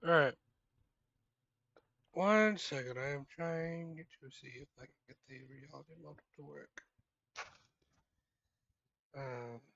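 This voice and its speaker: A man's voice: on the high side, slow pace, vocal fry, long pauses, a bit bright, no room sound, highs cut off. A sick man chatting casually on a live stream, muttering and swearing while he fixes his setup.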